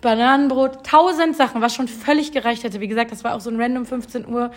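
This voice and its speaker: Young woman telling a lively story. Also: a little high, quick pace. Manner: animated, acts out quotes, laughs often. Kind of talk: casual chat, storytelling.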